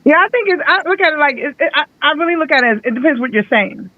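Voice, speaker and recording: A man's voice: very high voice, expressive, fast, no echo. A man co-hosting a casual talk show, giving his opinion in a thoughtful, hedging way. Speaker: co-host. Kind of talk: casual chat. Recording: thin phone-like line, dry.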